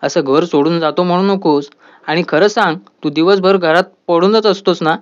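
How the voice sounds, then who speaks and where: Taunting middle-aged aunt, man reading; high-ish voice, lo-fi. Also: fairly even intonation, normal speed, natural voice.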